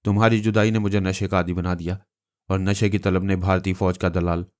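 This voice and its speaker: A man's voice: sits low, level tone, a little fast, lightly acted. A man reading a novel aloud, voicing a desperate, lovesick male informer with an anguished, pleading delivery.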